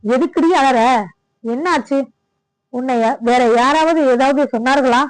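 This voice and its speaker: A woman playing sharp-tongued scheming mother. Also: unhurried, no echo, poor audio. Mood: alarmed. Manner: shrill, scolding.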